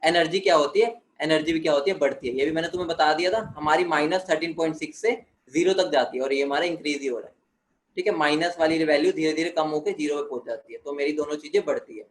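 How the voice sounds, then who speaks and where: A man with a high voice gives a chemistry lesson in an echoey room. He keeps checking in with "theek hai" and answers his own questions as he walks the class through the material. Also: quick pace, a little hiss or hum. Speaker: chemistry teacher. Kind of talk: classroom lecture.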